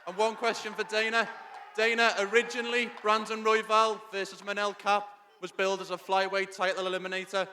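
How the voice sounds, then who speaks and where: A male reporter asks questions at a press conference. His high voice is forceful and stays fairly even, over faint ambience. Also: fairly quick, a little hiss or hum.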